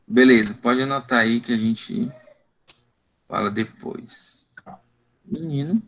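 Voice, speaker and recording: Man, 30s, Northeastern Brazilian accent, bright voice, informal, video call. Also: medium pitch, takes it slowly. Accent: Northeastern Brazilian Portuguese. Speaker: guest speaker. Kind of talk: casual chat.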